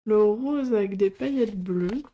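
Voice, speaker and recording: A woman's voice: medium pitch, measured pace, muffled recording. A woman hosting a casual product demo, speaking hesitantly with many fillers as she shows items one by one. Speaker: craft channel host.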